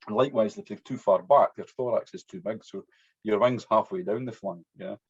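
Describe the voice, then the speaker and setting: Husky man with a strong Scottish accent. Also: lowish voice, brisk. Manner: chatty, often tagging sentences with "yeah". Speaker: fly-tying instructor. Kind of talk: informal hands-on demonstration talk. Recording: dull, muffled lo-fi audio.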